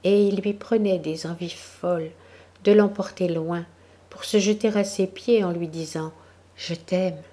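Slow, low-toned woman reading a story. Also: fairly even intonation, dark tone. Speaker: audiobook narrator. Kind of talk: literary reading.

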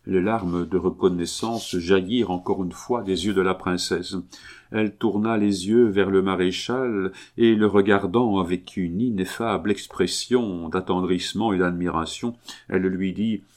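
A man narrating a classic novel in measured, scripted audiobook style. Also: deep voice, steady tone, a little mellow.

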